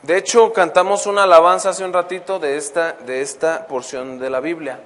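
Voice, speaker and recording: A man's voice: fairly high pitch, steady tone, fairly bright tone. Man preaching in an echoing hall. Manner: asks the congregation questions, reads verses slowly. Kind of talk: Bible teaching sermon. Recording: long hall reverb.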